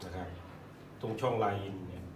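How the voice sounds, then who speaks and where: A man's voice: low-pitched, normal speed. A man from Thailand, a police radio officer, giving a polite step-by-step how-to demonstration. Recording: roomy, distant mic, clearly noisy background.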